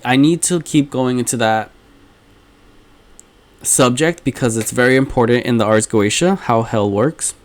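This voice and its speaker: A man hosting his own talk show, speaking casually and rambling, with quoted threats that drop into low, intense mutters. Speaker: podcast host.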